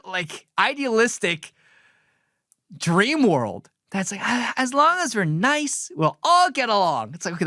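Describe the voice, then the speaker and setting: A young man comments on politics from his own livestream, his voice high and lively, leaping up and down in pitch. He argues emphatically, peppering his points with rhetorical questions. The sound is close and dry, with no room around it. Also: no echo. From Korean heritage. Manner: animated and emphatic, asks rhetorical questions, mocks opposing views in quoted voices.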